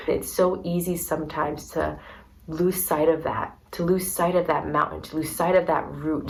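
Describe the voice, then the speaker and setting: A young woman talking earnestly and softly in a personal vlog, repeating her words as she goes. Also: low-pitched, a little hiss or hum, poor audio. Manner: soft, earnest and repetitive, gets emotional. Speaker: vlogger. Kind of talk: heartfelt personal vlog talk.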